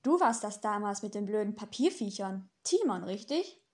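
A woman's voice: mid-range voice, big pitch swings, normal speed, a little mellow, lightly acted. A woman voicing a sardonic, centuries-old male demon in an audiobook, talking with dry mockery. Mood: sneering. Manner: sneering, dry, mocking. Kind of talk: audiobook character reading.

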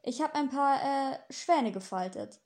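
A woman voicing a gentle, earnest male angel in an audiobook, polite and easily hurt. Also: fairly high pitch, moderate pace, close to an everyday voice. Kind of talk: audiobook dialogue.

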